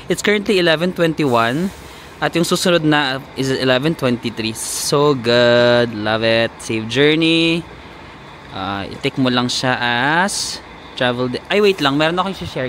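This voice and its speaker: Outdoors in a town in winter, a Filipino travel vlogger films on his phone and chats casually, sharing a playful, gossipy tale laced with English. His medium-pitched voice is expressive and a bit bright, at a measured pace, over faint street noise.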